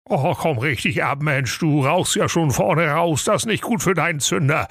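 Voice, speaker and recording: A man's voice: mid-range voice, moderate pace, a bit bright, no echo, clean studio sound, voice pushed up, lightly acted. A man voicing a good-natured, henpecked excavator driver who sounds exasperated in a comic audio fairy tale. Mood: weary. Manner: weary, exasperated, sing-song rhymes.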